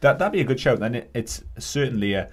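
A man co-hosting a football podcast, relaxed and measured with lots of ums. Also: mid-range voice. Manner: relaxed, measured, filler-heavy. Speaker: podcast co-host. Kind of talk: casual football chat.

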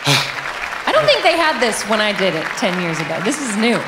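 A woman's voice: mid-range voice, wildly swooping pitch, normal speed, heavy background noise. A young woman co-hosting a live stage pageant, announcing to an audience. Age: young adult. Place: large indoor theatre stage before an audience. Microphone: handheld stage microphone. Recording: roomy stage sound, loud music and crowd.

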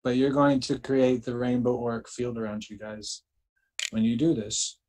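A man's voice: medium pitch, little pitch movement, normal speed, darkish tone, low-quality recording. A man leading a spiritual group, instructing listeners and chanting incantations with emphasis, checking in with frequent "okay?".

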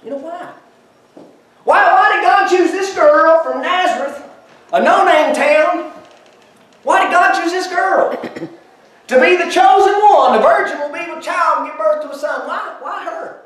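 A high-pitched man with a drawl preaches with emphatic, animated energy and homespun asides. His voice rings through a very echoey church, picked up from well back from the mic. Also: unhurried, recorded from a distance. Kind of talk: sermon. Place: church sanctuary.

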